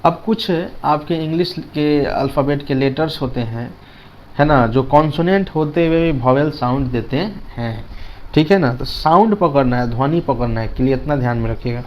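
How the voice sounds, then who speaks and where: A man's voice: mid-range voice, moderate pace, muffled recording. A man teaching a grammar lesson in Hindi with English terms, repeating key words and asking students rhetorical questions.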